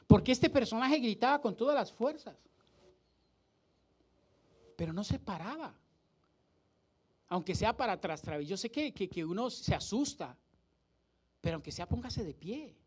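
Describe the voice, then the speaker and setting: A man's voice: high voice, sing-song, normal speed, pauses often, a little mellow, slightly rough. A man preaching a sermon as pastor, acting out scenes and asking rhetorical questions. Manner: dramatic, acts out the crowd and the blind man's cries, rhetorical questions. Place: church hall.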